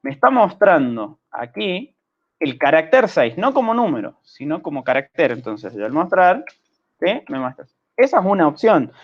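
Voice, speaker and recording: A man with an Argentine accent teaches programming, his voice sitting a little high for a man. He explains step by step and keeps checking that the class follows. The sound is dull and lo-fi, like a video call. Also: big pitch swings, moderate pace. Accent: Argentine Spanish. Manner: patient, checks understanding with frequent "¿sí?".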